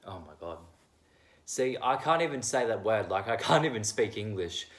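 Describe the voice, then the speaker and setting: A young man talks straight to his own camera at home, sharing his views in a loose, wandering monologue. His voice sits a little low, and he is quick to poke fun at himself. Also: animated. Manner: rambling, self-deprecating, candid. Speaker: vlogger. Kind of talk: casual opinion monologue.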